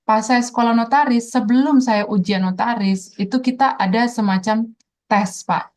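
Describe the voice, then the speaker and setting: A woman's voice: mid-range voice, darkish tone. A middle-aged woman giving an earnest personal testimony in an interview, telling her story to the host and often addressing him directly.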